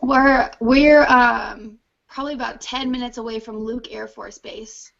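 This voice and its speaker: Modest woman photographer on a call, high pitch, muffled sound. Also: steady tone, unhurried, gravelly, a bit bright. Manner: modest, polite, giggly. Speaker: photographer starting a business. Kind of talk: casual group chat. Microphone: video call. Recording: lo-fi video call audio.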